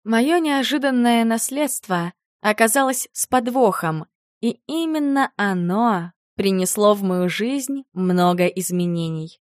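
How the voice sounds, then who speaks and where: Young female narrator for a first-person romance, lively and expressive, dry studio sound. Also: medium pitch, a little slow, no echo. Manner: lively, expressive storytelling, light and teasing in dialogue. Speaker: audiobook narrator.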